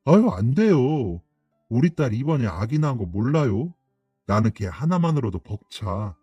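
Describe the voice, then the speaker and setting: A man voicing a selfish, gossiping middle-aged aunt who complains in drawn-out tones in a radio story. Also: mid-range voice, big pitch swings, warm tone, slightly rough, dry recording, highs cut off, faint music behind. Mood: grumbling.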